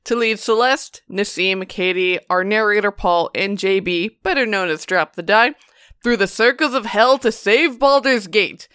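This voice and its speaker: Female tabletop podcast host and player, bright and clear, playfully theatrical, upbeat announcer delivery. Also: mid-range voice, a little slow, dry recording, clean studio sound.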